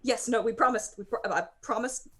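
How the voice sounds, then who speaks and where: A woman's voice: on the high side, a little fast, slightly rough. A woman playing a tabletop game, talking casually, partly in character. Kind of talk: casual in-character role-play.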